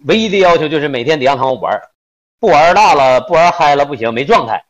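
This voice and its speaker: A man's voice: on the high side, lively intonation, fast, dull audio, close to an everyday voice. A man voicing a worried, foul-mouthed coworker, grumbling and profane. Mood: fed up.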